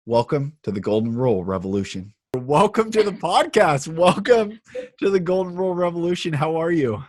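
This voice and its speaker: A man's voice: fairly high pitch, lively intonation, normal speed. A man hosting a spiritual podcast, speaking in an earnest, heartfelt way and sending blessings to listeners. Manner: warm, earnest, blessing-filled delivery. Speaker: podcast host.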